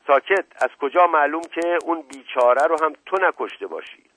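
A man's voice: medium pitch, pitched above the performer's own voice, natural voice, rough recording. A man voicing a curt, bullying male police inspector who barks clipped commands. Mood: barking.

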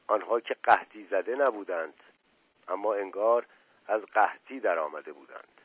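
Brief: a man with a lowish voice reading a novel aloud for radio, measured. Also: breathy edge, no echo, phone-quality sound. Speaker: radio story reader.

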